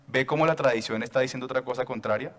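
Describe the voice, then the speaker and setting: A man's voice: mid-range voice, very fast. A man preaching a sermon to a church congregation, joking with them and asking for raised hands.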